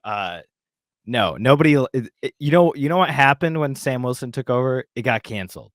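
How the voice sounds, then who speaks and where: A man's voice: mid-range voice, lively intonation, moderate pace, no room sound, studio quality. A man hosting a casual podcast chat, reading an article aloud with sarcastic asides and frequent laughs. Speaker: podcast host.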